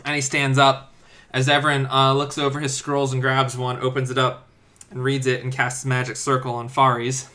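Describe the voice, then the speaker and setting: A man narrating as game master of a tabletop game, with hesitant pauses. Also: medium pitch, monotone, bright, forceful tone.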